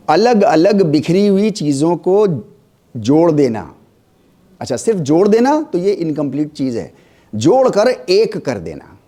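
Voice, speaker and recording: A man's voice: a little high, mellow. A man giving a yoga lecture to students. He switches between Hindi and English, often checks in with "right?", and has the class repeat words aloud after him. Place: lecture hall.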